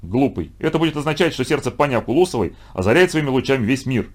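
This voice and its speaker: A man voicing a bossy, scheming schoolboy who talks impatiently and excitedly, in a storybook reading. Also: medium pitch, quick pace, close to an everyday voice.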